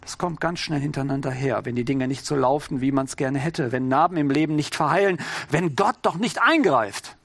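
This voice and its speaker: A middle-aged man delivering a sermon in a loose, conversational way, as if chatting with his congregation. His voice sits fairly high and he keeps checking in with them through little rhetorical questions. The sound is dry and close, with no room echo. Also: fairly quick, creaky, hardly any pauses. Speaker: preacher.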